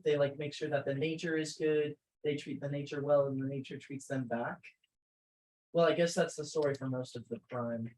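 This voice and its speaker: A man's voice: fairly high pitch, darkish tone, poor audio. Tentative male tabletop player. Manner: tentative, with many likes and hedges. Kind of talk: casual chat during a tabletop game stream.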